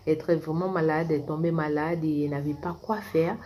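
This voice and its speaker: This Kinshasa-born, middle-aged vlogger talks fast in a low, warm voice with fairly even intonation, and there's slight background noise. In a casual storytime, she recounts something personal straight to her audience, frequently restarting her sentences.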